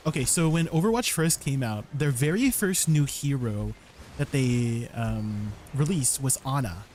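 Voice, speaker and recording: A young man streamer talks casually with viewers in a rambling, meandering way. His voice runs through a deep pitch-shifting voice changer. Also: slight background noise. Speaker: livestreamer.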